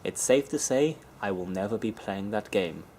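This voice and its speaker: A man's voice: fairly low pitch, normal speed, a little hiss or hum, poor audio. A man hosting a casual video journal, telling funny stories and acting out bits of dialogue. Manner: animated, acts out dialogue in voices. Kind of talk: casual storytelling vlog.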